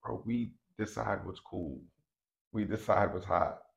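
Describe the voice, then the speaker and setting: A man's voice: on the low side, measured pace, creaky. A man co-hosting a podcast in casual chat, making his points with emphasis and repeating them. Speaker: podcast co-host.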